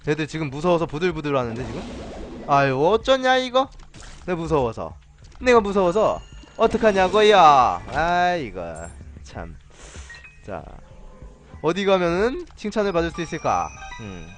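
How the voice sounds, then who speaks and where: Taunting, lively male game streamer. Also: fairly high pitch. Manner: playful, taunting enemies, mock-villainous asides, swears. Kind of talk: casual gameplay commentary.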